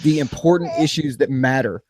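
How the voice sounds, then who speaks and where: A man co-hosting a casual podcast, talking in a sarcastic, rambling way that swings from flat to animated. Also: medium pitch, normal speed, slight background noise. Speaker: podcast co-host.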